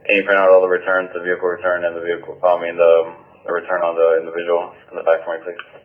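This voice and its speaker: Man, police officer, police radio call, low voice, tinny narrow scanner sound. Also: monotone, quick pace. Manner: brief, polite radio requests. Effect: police two-way radio transmission.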